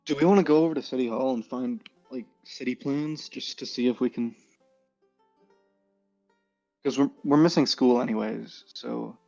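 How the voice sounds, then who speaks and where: A man with a creaky, mid-pitched voice chats casually as a tabletop game player. The recording is a little lo-fi, with music behind. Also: fairly quick, dark tone. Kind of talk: casual group game chat. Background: background music.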